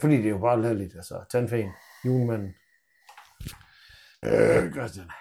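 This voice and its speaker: A man's voice: on the low side, sing-song, vocal fry, dark tone. A man, co-hosting a podcast in casual banter and telling joking stories. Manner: joking, teasing, playful storytelling. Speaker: podcast co-host.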